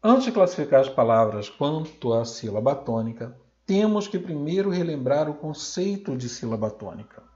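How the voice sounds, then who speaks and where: A Brazilian Portuguese man teaching a recorded grammar lesson, sounding out example words slowly and loudly. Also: on the high side, very animated, highs cut off.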